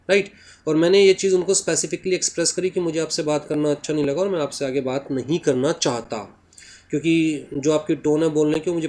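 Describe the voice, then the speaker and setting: A man with an Indian accent, a native Hindi speaker, teaching a class in mixed Hindi and English. He keeps asking "right?" and reads English lines slowly. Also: a little high, a little mellow.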